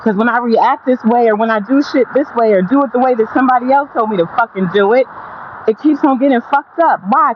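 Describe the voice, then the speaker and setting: A person giving a blunt, emphatic, profane motivational monologue while out walking, repeating phrases to drive points home. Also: high voice. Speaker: motivational vlogger. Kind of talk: motivational monologue, casual straight talk. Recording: dull lo-fi audio, faint background noise.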